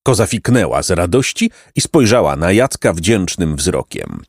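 A man narrating a children's storybook in an expressive, dramatic way. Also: low voice, moderate pace, creaky, breathy edge, no echo, clean studio sound. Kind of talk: storybook reading.

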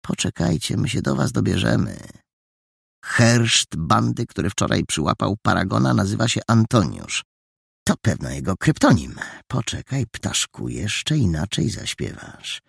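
A man's voice: lowish voice, big pitch swings, a little slow, gravelly, husky, no room sound, clean studio sound, voice pushed up, heavily acted. A man reading the inner voice of an eager boy detective who gloats and schemes. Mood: gloating.

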